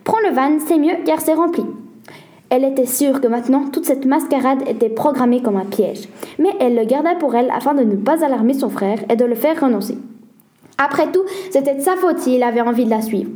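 A woman reading a children's mystery story aloud as a steady, even narrator. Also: high voice, brisk.

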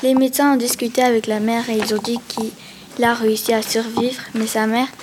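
A young female student reads her short story aloud in a plain, slightly high voice. She trips and restarts now and then. Steady background noise sits under the voice. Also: moderate pace. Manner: plain reading with small restarts. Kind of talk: reading a written story aloud.

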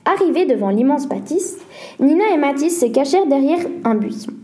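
A woman reading a children's mystery story aloud as a steady, even narrator. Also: sits high, brisk.

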